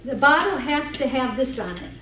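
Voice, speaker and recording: A woman's voice: high voice, animated, moderate pace, sharp tone. A woman, a free clinic representative talking earnestly to a club meeting, with many ums and restarts. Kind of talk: casual talk to a club meeting. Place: meeting room. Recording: echoey room, distant mic, noisy.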